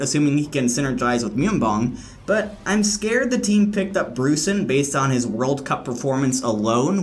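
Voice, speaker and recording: A man hosting a scripted, opinionated esports countdown commentary, recorded indoors in a slightly echoey room. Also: a little high. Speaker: esports commentator and video host. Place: indoor room, different from usual.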